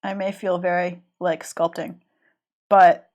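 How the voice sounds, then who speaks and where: A woman's voice: fairly low pitch, level tone, takes it slowly, a little mellow. A woman with a cold, chatting casually and rambling with restarts while she draws on a live stream. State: has a cold. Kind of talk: casual chat while drawing.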